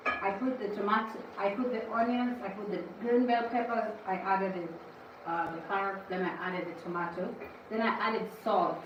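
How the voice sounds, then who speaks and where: A woman's voice: mid-range voice, steady tone, moderate pace, lo-fi sound, background noise. Chatty woman in an echoey kitchen. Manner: chatty, lecturing viewers. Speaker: cooking livestream host. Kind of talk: casual cooking chat. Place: home kitchen. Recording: echoey kitchen, mic at a distance.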